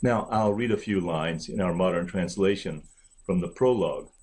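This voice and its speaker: A literature professor, a man, giving a measured recorded lecture and reading verse examples deliberately. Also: low-pitched, a little mellow, slightly rough.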